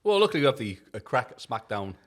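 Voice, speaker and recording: A man's voice: mid-range voice, sing-song, fast talker, slight background noise. A man co-hosting a wrestling review podcast, reading his written recap in a jokey, casual way, swearing and laughing often.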